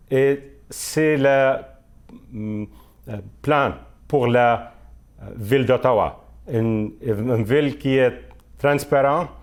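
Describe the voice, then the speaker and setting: A man giving a campaign message as a candidate, halting often and repeating phrases. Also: medium pitch, clear, resonant tone. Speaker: mayoral candidate.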